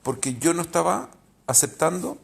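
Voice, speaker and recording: A man's voice: on the high side, lively intonation, normal speed, vocal fry, husky. A man, a rabbi giving an informal spiritual talk, candid and reflective, often hesitating and restarting.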